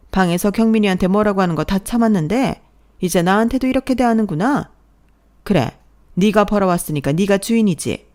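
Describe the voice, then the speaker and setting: A woman's voice: on the low side, darkish tone, close to an everyday voice. A woman voicing a sarcastic, nagging older mother-in-law in a spoken drama story, scolding and sniping.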